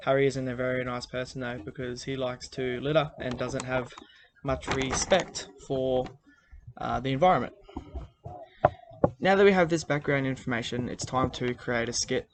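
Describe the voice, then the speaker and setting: A man giving recorded class instructions in a relaxed way, with plenty of "um"s. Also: medium pitch, noisy background. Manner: relaxed, many fillers. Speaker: teacher.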